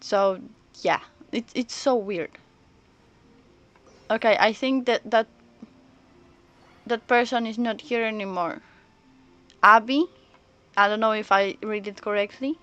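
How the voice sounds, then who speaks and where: A woman streams herself playing a story game, chatting loosely and thinking out loud in a rambling, stop-start manner over the game's music. She speaks in a mid-range voice.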